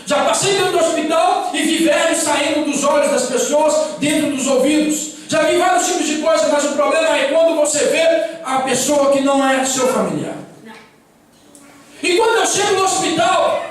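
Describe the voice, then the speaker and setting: Man, preacher, sermon testimony, dramatic storytelling, very roomy hall, distant mic. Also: very high voice. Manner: dramatic storytelling, acting out quoted dialogue. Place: church hall. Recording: very echoey hall, voice far from mic.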